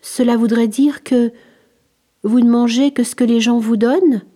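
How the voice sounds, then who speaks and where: A woman's voice: on the high side, fairly even intonation, moderate pace, mellow, natural voice. A woman voicing a curious, innocent young boy in a storybook reading, asking eager questions.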